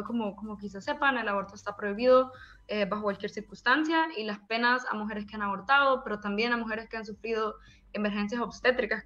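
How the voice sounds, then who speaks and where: Bright Salvadoran woman on a video call. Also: mid-range voice, highs cut off. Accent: Salvadoran Spanish. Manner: warm, lively, laughs often, many fillers. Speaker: panelist, media co-founder. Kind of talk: online panel talk.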